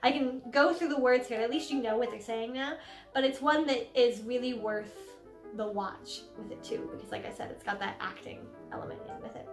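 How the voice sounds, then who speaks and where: A young woman with a high, bright voice talks through a song in a casual lesson vlog. She is animated and giggly, throwing herself into dramatic readings of the lines. The room is echoey, with soft piano music underneath. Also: a little fast. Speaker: singer explaining a song.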